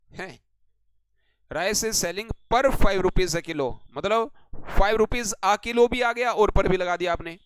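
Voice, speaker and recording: A man leads a live online grammar lesson, calling on students by name and teasing them as he goes. His voice sits high and comes through smooth and clear. The sound is dry and close, with no room echo. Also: fairly bright tone. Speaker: English grammar teacher.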